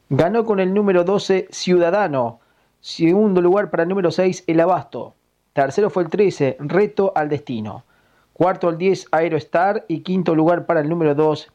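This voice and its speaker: A man's voice: a little high, warm tone, lo-fi sound. Formal Uruguayan man reading race results. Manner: measured, formal delivery. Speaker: horse racing correspondent. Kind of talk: formal racing results report.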